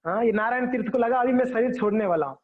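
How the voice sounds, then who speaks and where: A man's voice: very high-pitched, quick pace. A man giving a devotional sermon, telling a story and acting out the quotes of its characters. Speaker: preacher. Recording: tinny phone-like audio.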